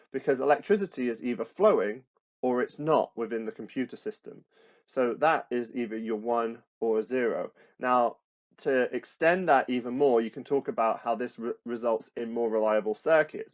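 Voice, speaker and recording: British guy teaching over slides, restarts a lot, slightly muffled lo-fi audio. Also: medium pitch. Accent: British English. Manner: explanatory, repeats phrases, frequent restarts and fillers. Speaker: computer science teacher. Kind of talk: recorded classroom lesson with slides.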